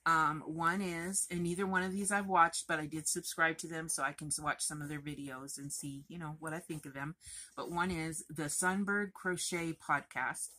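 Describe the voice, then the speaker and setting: A woman crochet vlogger talking in a chatty, rambling, expressive way to her viewers. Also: low voice, moderate pace. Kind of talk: casual chatty vlog.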